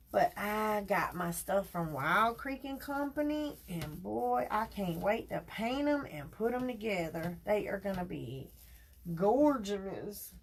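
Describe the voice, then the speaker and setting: A woman, chatting casually with her viewers as she hosts a crafting livestream. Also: mid-range voice. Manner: chatty, talks to viewers directly and folksy. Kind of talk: casual live chat while crafting.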